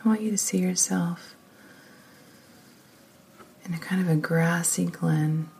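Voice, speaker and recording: A woman leading a guided meditation in a soft, often whispered, slow and soothing voice. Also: fairly low pitch, creaky, a little hiss or hum.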